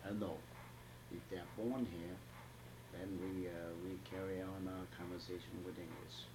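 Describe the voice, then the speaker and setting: A man in his seventies who grew up speaking Chinese, answering questions in an oral history interview, halting, with many pauses and fillers. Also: sits low, fairly even intonation. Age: 70s. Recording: noisy archival tape with background hiss.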